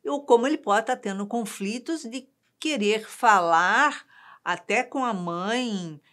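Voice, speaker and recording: A woman's voice: a little high, takes it slowly, a bit bright. A woman with a Brazilian Portuguese accent hosting a talk program, emphatic and pressing her points. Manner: emphatic, indignant when arguing a point. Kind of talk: casual discussion on a talk program.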